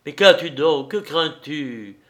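A man's voice: fairly high pitch, lively intonation, takes it slowly, fairly bright tone, pitched above the performer's own voice. A man voicing a frightened young man who urgently pleads with his ailing friend. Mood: desperate. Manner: urgent, desperate.

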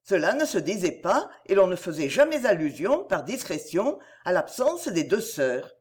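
A woman narrating a novel as an audiobook, measured and expressive. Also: lowish voice, slightly rough.

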